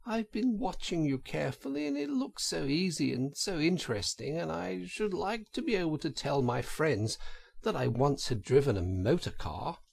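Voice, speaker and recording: A man's voice: fairly high pitch, big pitch swings, moderate pace, gravelly, darkish tone, breathy edge, voice pushed up, full character voice. A man voicing a boastful, self-pitying male toad in a storybook reading, with wailing, theatrical complaints. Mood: coaxing.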